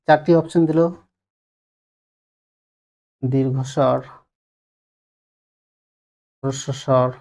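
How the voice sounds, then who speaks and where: A man's voice: medium pitch, fairly even intonation, extremely slow, gravelly, pauses often, a little mellow. Male teacher, West Bengal Bengali accent, exam-prep lesson, repeats himself, asks and answers his own questions. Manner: drags out vowels to demonstrate.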